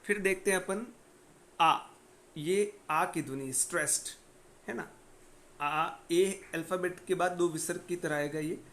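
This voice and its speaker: High-voiced man teaching phonetics. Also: unhurried, fairly bright tone. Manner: explains step by step, often checks with "ठीक है ना"; reads out example words one at a time. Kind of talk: phonetics lesson.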